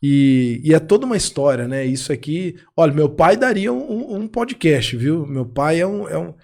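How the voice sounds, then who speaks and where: A pastor in his thirties with a Brazilian accent casually tells his personal story as a podcast guest, explaining that he was born in Argentina to Brazilian parents. His voice is on the high side, animated, gravelly and dark in tone, at a moderate pace.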